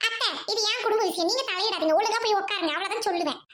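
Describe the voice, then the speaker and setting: A woman playing a sharp-tongued young daughter-in-law who pleads with her mother-in-law and then threatens her. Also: very high voice, rapid-fire, very noisy. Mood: pleading. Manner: pleading one moment, cold threats the next.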